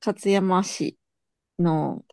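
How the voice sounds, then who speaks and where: A woman's voice: fairly low pitch, steady tone, drawn-out words, gravelly, a little mellow, no echo. A woman in casual chat, listening and chiming in with short replies and teasing remarks. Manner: attentive listener with frequent back-channel nods.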